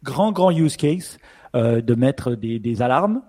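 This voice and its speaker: Swiss guy, mellow, chatty. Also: mid-range voice, lively intonation, slow, no room sound, studio quality. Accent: Swiss French. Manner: chatty, many fillers, laughs easily. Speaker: podcast co-host. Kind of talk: casual podcast chat.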